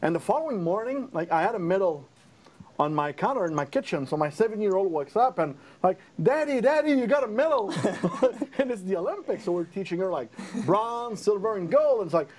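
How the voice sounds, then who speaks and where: A man's voice: high voice, lively intonation, a little fast, darkish tone, slight background noise. A man in his thirties, a game developer, chatting casually on a livestream and telling stories with a lot of laughter. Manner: rambling, laughing storyteller.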